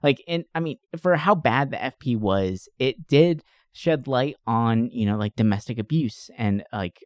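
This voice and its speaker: The sound is studio quality with no room sound as a man hosts a laid-back podcast chat about movies and games. His talk is slangy and informal, peppered with "like" and "you know" and the odd swear word, delivered in an expressive, unhurried, mid-range voice.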